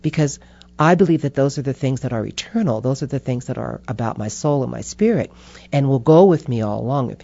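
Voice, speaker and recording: Older woman, interview guest, animated, laughing, mellow tone, dull lo-fi audio. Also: extremely low pitch, a little fast, gravelly. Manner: animated, laughing, acts out voices in stories. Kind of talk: casual chat.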